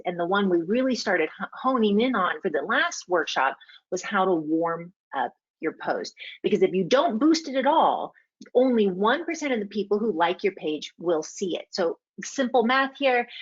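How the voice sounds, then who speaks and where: A woman's voice: medium pitch, breathy edge, lo-fi sound. Emphatic woman coaching a webinar. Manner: emphatic, coaching, repeats key points. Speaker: webinar host. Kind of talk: marketing webinar talk.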